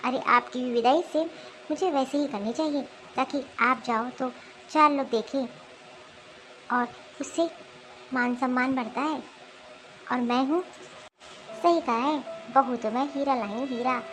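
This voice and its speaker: A woman's voice: high-pitched, unhurried, long pauses, a bit bright, a little hiss or hum, poor audio. A remorseful middle-aged mother-in-law. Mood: earnest. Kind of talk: animated cartoon voice acting.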